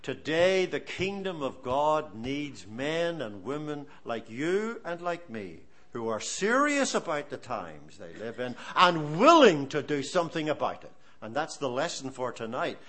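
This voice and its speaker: This sermon comes from a man in his seventies with an Irish accent, who tells stories and urges his listeners with animated earnestness. His voice is a little high, and he talks unhurriedly with few pauses.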